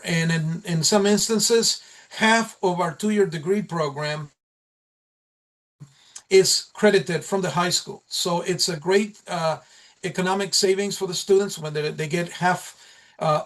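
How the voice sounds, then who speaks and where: A man presents slides informally at a meeting as a college program instructor. His voice sits high, and his speech is halting, with phrases repeated and restarted.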